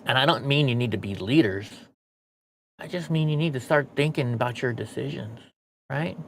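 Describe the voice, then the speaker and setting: There's a creaky, mid-range quality to this man's voice, delivered at normal speed with slight hiss or hum in the audio. The American streamer, who has missing front teeth, gives his viewers a blunt, profane monologue, rambling and cursing as he vents.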